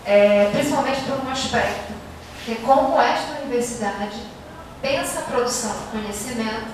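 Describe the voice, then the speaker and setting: A woman in the audience giving a measured, formal comment into a handheld mic in a large lecture hall. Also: fairly high pitch. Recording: echoey hall, distant noisy mic.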